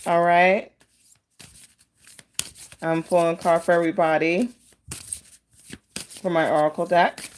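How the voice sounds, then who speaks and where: Androgynous voice, medium pitch, slow pace, fortune teller, oracle card reading, casual, reflective, speaking directly to viewers. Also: fairly even intonation, a little hiss or hum. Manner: fortune-teller style, addressing people by name, reflective. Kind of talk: live card reading for viewers, casual chat with read-out card messages.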